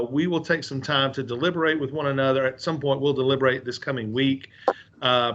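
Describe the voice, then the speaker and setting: A man's voice: medium pitch, a bit bright. Hesitant man on dull video-call audio. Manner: hesitant, repeats words, many uhs. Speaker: school board chair. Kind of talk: formal video-call interview.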